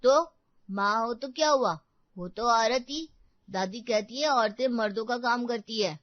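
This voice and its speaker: A woman's voice: a little high, measured pace, no room sound, close to an everyday voice. A woman voicing a spoiled, demanding young boy in a cartoon who bosses his mother around. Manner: demanding, bratty. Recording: dull dry recording.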